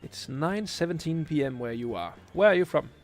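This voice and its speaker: With soft background music, a man from Denmark in his late twenties answers viewer questions while streaming a game late at night. He speaks expressively at a normal speed in a slightly high voice, yet hesitates often and uses many fillers when English words escape him.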